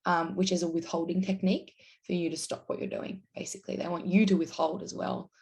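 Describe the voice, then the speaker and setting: Brief: young adult woman, self-help vlog host, casual explainer with a slightly low voice, slips into quoted voices. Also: level tone, brisk, vocal fry, a little mellow. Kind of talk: explaining to camera.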